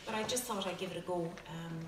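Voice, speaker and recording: Hesitant west of Ireland woman, echoey room. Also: fairly low pitch. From Galway, west of Ireland. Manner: hesitant, halting, self-deprecating. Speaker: folk singer introducing songs. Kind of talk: informal spoken song introduction to a live audience. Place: roomy indoor venue with audience. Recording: echoey room, distant mic, loud noise.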